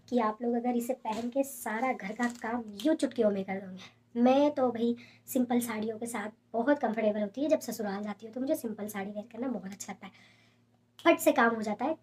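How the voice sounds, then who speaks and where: Hushed, husky-voiced woman vlogger. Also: on the high side. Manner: soft, hushed talk with many fillers. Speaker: fashion vlogger showing sarees. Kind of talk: casual product haul chat. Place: home.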